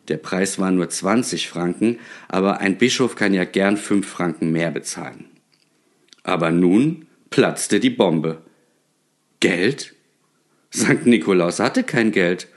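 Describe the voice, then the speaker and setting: Expressive man reading a story aloud. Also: lowish voice. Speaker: narrator.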